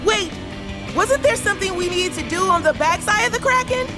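A plucky kid adventurer, talks in a very high, earnest voice. The exclamatory, easily flustered delivery belongs to a children's audio adventure with music underneath. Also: female voice, animated, a little fast. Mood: alarmed.

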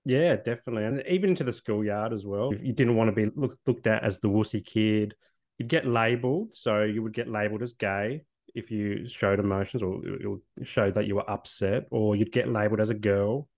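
A man's voice: lowish voice, brisk, darkish tone. A man in his late thirties with an Australian accent, telling personal stories as a podcast guest in an earnest way, often restarting his sentences. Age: late 30s. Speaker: podcast guest, social worker. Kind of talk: reflective personal storytelling.

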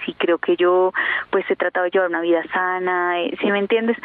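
A woman's voice: lowish voice, no echo. Woman telling her story over a phone line. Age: 30s. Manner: earnest, hesitant, with many fillers. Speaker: interview guest. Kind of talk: emotional personal testimony. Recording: tinny phone line, dry.

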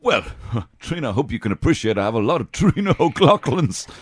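Man doing a bashful, chuckling Santa, lively pitch, dry. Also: fairly quick, breathy edge, no echo. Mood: amused. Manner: keeps breaking into laughter, hesitant. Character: giggly, embarrassed Santa Claus.

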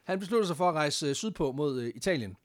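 A man's voice: on the high side, lively intonation, no room sound, studio quality. A man casually telling a history story on a podcast, laughing often and swearing freely, with English phrases mixed in.

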